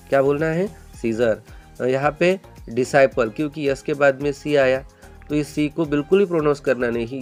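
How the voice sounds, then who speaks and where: A man teaching English pronunciation in Hindi, answering his own repeated questions and calling viewers "beta". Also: medium pitch. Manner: drills with repeated call-and-response questions; addresses viewers as children. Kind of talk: classroom-style pronunciation lesson.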